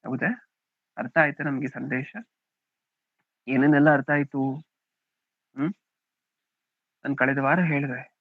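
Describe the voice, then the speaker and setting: Preaching with a Kannada accent, this man has a mid-range voice and reads scripture emphatically, frequently asking his congregation rhetorical questions like "hm?". The sound is dry and thin, phone-like.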